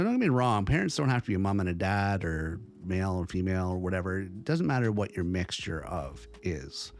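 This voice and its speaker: A man's voice: lowish voice, gravelly, a little mellow. A middle-aged man hosting a podcast, giving his opinions in an emphatic way and repeating phrases as he builds each point. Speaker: podcast host. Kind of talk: opinion monologue.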